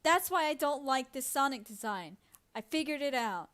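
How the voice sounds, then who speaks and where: A woman's voice: high voice, lively intonation, normal speed, fairly bright tone. A woman co-hosting a livestream, chatting casually with a playful, teasing, giggly manner. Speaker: co-host.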